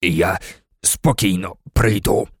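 A man reading aloud, voicing a hoarse, desperate male fugitive. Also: low voice, slow pace, no echo, studio quality, voice pushed down. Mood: defiant.

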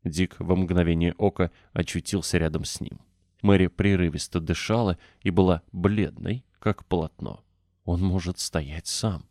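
Deep-voiced man narrating an audiobook. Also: fairly even intonation, normal speed, a little mellow, no room sound, clean studio sound.

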